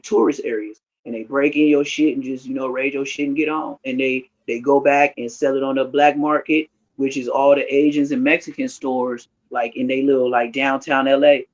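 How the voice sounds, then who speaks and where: A man in his thirties of Haitian background, rambling through a casual, slangy reaction commentary. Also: medium pitch. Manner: rambling, slangy, storytelling with restarts. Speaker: streamer reacting to clips. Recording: dull lo-fi sound.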